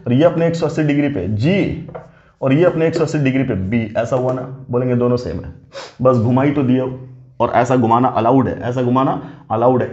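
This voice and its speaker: A man's voice: mid-range voice, a little mellow. A male chemistry teacher giving a classroom lecture, repeating points and checking that students understand. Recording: roomy, slightly dull classroom recording.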